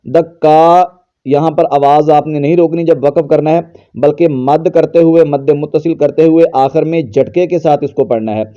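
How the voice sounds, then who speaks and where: A man with a deep, mellow and smooth voice teaches Quran pronunciation. He explains patiently and then chants verses slowly as examples. The recording sounds dull and a little lo-fi. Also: fairly even intonation. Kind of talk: tajweed lesson with recitation.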